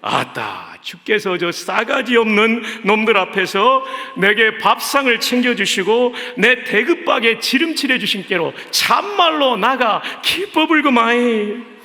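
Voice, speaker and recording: A loud jolly jeolla country man, way up high, drawly, big echoey church. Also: big pitch swings, a little slow, hardly any pauses, heavily acted. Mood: jubilant. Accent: Jeolla dialect of Korean.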